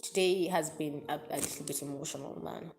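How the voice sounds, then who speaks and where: A woman's voice: low-pitched, steady tone, fairly quick. A woman chatting openly and emotionally on a live stream, answering viewers' comments. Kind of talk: casual confessional live chat.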